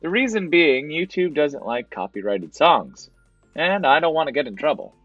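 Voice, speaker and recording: A man's voice: fairly high pitch, sing-song, normal speed, dry recording, faint music behind. Casual male reseller narrating, dry and muffled. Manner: casual, explanatory, repeats "to be honest". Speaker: reseller vlogger narrating his thrift store trip. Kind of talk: voice-over vlog narration.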